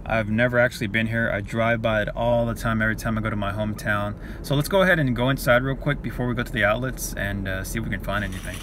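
Talking fast with barely a pause, a thirtysomething sneaker reseller narrates his vlog in a fairly low voice, relaxed and full of filler words. He films on a phone held at arm's length in a parked car and retail stores, with noise in the background.

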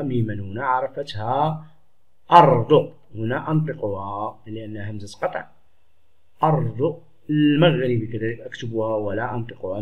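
A male teacher explaining a lesson to pupils, patient and explanatory, repeating words slowly. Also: medium pitch, darkish tone. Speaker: Arabic teacher. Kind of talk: classroom lesson. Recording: dull lo-fi recording.

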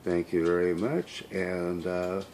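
Home cook, male, very unhurried and folksy, narrating his own kitchen video. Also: deep voice, fairly even intonation, darkish tone, slight background noise. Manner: rambling, folksy, many fillers. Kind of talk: casual cooking narration.

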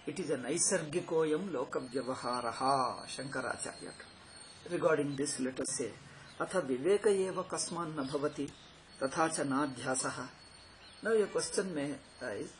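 In a small, plain indoor room, a man in his sixties with a South Indian accent gives an informal lecture explaining scripture, using Sanskrit terms. His voice is slightly high, and he teaches didactically, repeating phrases and posing questions. The home recording is amateur and noisy.

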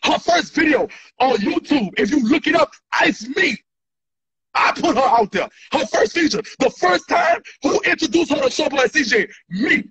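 With an extremely high, sharp-toned voice at normal speed, an animated man angrily berates his followers in a selfie video full of profanity. He repeats himself and gestures wildly, filming indoors on a phone at arm's length with dull lo-fi sound.

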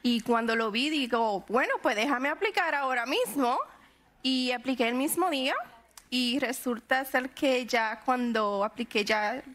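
A woman's voice: on the high side, measured pace, a bit bright. A woman in her thirties from the Dominican Republic, telling her story as a dating show contestant, chatty, a little nervous and laughing often. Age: 30s. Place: indoor TV studio.

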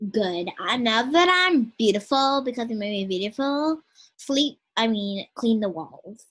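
A woman's voice: on the high side, animated, unhurried, fairly bright tone. A woman voicing a cruel, vain mother who gives curt, imperious commands in an amateur video-game role-play. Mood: bossy. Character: cruel, vain, bossy mother bullying her daughter.

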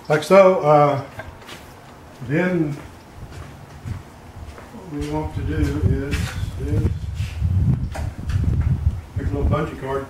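Recorded from across the garage on a camera mic, this DIY maker's mid-range voice competes with heavy background noise. He's a middle-aged man from Texas giving a casual how-to demonstration of a homemade project in his home workshop. His explanation is plain and rambling, full of fillers.

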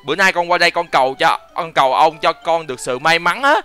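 A young man hosting a game video, chatting playfully in role and excitedly repeating words. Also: on the high side, fast, clear, resonant tone, faint music behind. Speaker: gaming channel host.

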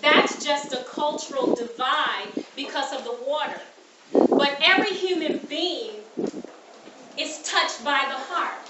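A woman from the United States gives an emphatic motivational keynote at a graduation ceremony, repeating key phrases and asking the audience questions. Her voice is high and a little slow. The recording is very noisy and muffled, with an echoey room and distant mic.

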